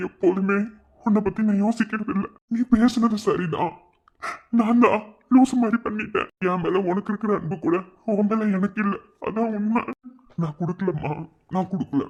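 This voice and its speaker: A performer voicing a worried young husband in a cartoon, soft and comforting, with a Madurai Tamil accent. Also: medium pitch, highs cut off, close to an everyday voice. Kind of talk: cartoon voice acting.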